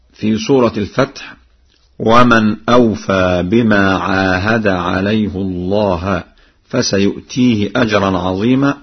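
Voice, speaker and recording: Male recitation teacher for an old radio lesson: explains each reading, then chants the verse, unhurried, husky voice, dull archival sound. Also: on the low side.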